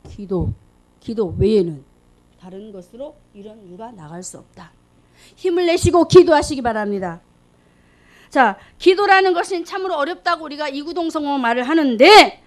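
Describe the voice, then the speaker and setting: High-voiced woman preaching with fervor. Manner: animated, exclamatory, swings between loud calls and hushed asides. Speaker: lay preacher. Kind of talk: sermon.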